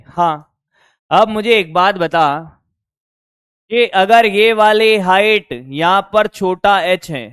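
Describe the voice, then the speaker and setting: A male physics teacher, lecturing online at a board, his voice hoarse from shouting, coaxing students and checking whether they follow. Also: high-pitched, dry recording, studio quality. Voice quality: strained, worn voice. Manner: coaxing, keeps asking if students got it.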